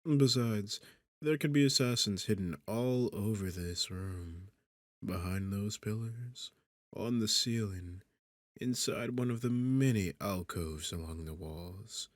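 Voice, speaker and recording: Voicing a haughty demon king for a seductive fantasy ASMR roleplay, a man speaks slowly in a lowish register with no echo. His manner is sarcastic, smug, and condescending as he mocks and coaxes the listener.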